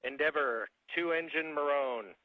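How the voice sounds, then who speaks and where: A man's voice: on the high side, measured pace, dry recording. Man speaking over a muffled radio link. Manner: clipped, procedural phrasing. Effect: radio transmission. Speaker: mission control radio communicator. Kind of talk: terse radio callouts.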